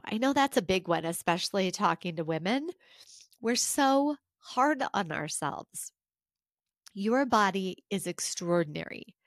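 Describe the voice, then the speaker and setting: A woman's voice: medium pitch, no room sound, clean studio sound. A woman hosting a solo podcast, talking earnestly and encouragingly and asking her listeners questions. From United States. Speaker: podcast host. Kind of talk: reflective solo podcast talk.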